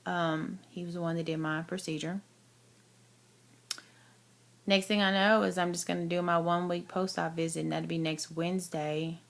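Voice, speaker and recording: A woman's voice: on the low side, level tone, normal speed, vocal fry, pauses often. A woman gives a casual, chatty personal update, speaking candidly and with emphasis, as if to friends. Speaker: vlogger giving a health update. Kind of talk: casual chat to camera.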